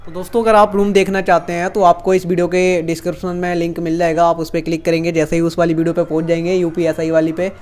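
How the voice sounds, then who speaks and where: A man with a high, bright-pitched voice runs a casual interview at a brisk clip. He asks simple questions and turns to chat warmly with his viewers between them. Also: level tone. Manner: chatty, addresses viewers as friends. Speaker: interviewer and channel host.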